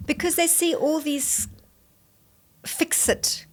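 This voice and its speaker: Animated woman guest from Zimbabwe. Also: high voice. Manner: animated storyteller, lists things in quick repeated phrases. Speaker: guest, fitness coach. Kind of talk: conversational interview.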